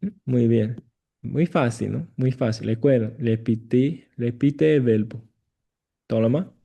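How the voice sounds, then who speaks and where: Slow, gravelly-voiced male Chinese tutor. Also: mid-range voice. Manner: slow, repeats phrases, gentle corrections. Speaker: Chinese teacher. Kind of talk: patient one-on-one language lesson.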